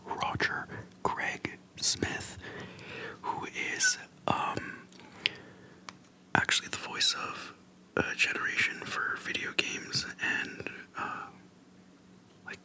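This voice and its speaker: Close to the mic, an ASMR creator chats casually in a soft, breathy whisper, speaking slowly in short, gentle phrases with pauses. The audio quality is poor.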